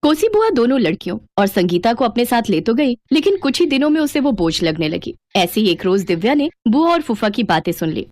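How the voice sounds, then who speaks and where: A woman narrating a moral story for a cartoon in a dramatic, expressive way. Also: on the high side, brisk, few pauses, dry recording.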